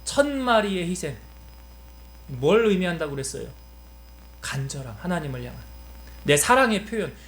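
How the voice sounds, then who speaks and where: A man's voice: sits high, very animated, moderate pace, pauses often, fairly bright tone, poor audio. A man preaching a sermon as pastor, asking rhetorical questions and acting out quoted voices, then leading a closing prayer.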